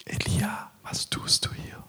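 Long, hushed whispers alternate with loud and carefully paced declamation as this man preaches a sermon as guest preacher.

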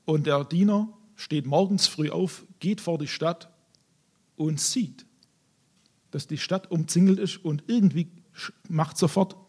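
A man preaching a sermon, telling a Bible story in an animated way and acting out the characters. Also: on the high side, unhurried, husky.

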